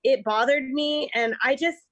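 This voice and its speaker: A woman's voice: high voice, normal speed, a bit bright, muffled recording. A woman hosting a casual conversation, upbeat and chatty, talking like a Valley girl. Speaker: podcast host, inspirational speaker.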